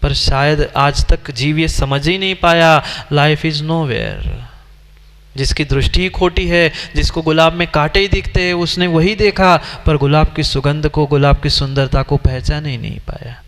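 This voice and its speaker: A man's voice: a little high, a little slow, a bit bright. A man, a Jain monk, giving a sermon who questions and scolds his listeners as he teaches. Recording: long hall reverb.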